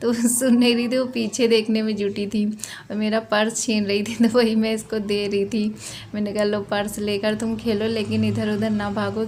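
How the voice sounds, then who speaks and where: A woman's voice: medium pitch, darkish tone, slight background noise. A woman vlogger and mother narrating her mall shopping trip in a chatty, repetitive way, often ending phrases with tag questions. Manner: chatty, repeats herself, frequent tag questions. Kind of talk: casual vlog narration over shopping footage.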